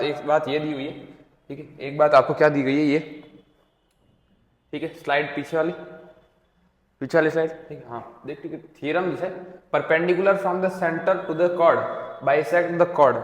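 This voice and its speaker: A young man teaching math in a casual lecture, often asking a question and answering it himself. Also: fairly high pitch. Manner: repeats questions and answers them himself, keeps checking in with "theek hai". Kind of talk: casual Hindi-English lecture to students. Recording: echoey room with long reverb.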